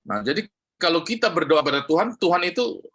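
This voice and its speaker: Animated man teaching with a bright voice. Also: on the high side, a little fast. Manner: animated, asks the audience questions often. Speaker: church teacher. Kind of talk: teaching lesson on prayer.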